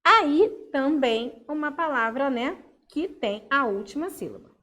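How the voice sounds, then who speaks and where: A woman's voice: high voice, animated, measured pace, bright, forceful tone. A woman teacher, patiently explaining a grammar lesson step by step and checking in with her students. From Brazil. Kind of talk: online class lesson.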